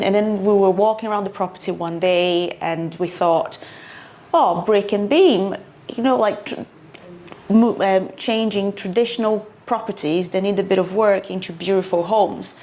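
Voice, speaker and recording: In a casual interview, a property investor from Brazil, a Portuguese-speaking woman in her thirties, talks in a Brazilian accent and fills her speech with frequent "uh"s. Her fairly low voice has a darkish tone.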